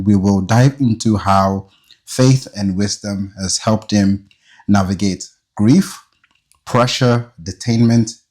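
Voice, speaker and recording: A man with a very deep voice, hosting an interview podcast. He introduces his guest in an earnest, encouraging way. While the guest talks, he keeps it going with short replies. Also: darkish tone. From Nigeria. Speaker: host.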